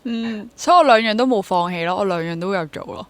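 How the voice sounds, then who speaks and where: This interview guest, a freelance stage actor and drama teacher in her twenties, talks quickly at a medium pitch with a Hong Kong accent. Her tone is relaxed and thoughtful, and she sprinkles English words throughout. There is no echo on the recording.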